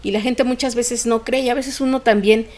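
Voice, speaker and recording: A woman, speaking as a podcast guest in a voice a little higher than most. She tells a personal story with real emotion and keeps it flowing, using frequent fillers and small acknowledgements. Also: fairly even intonation, fairly quick, darkish tone.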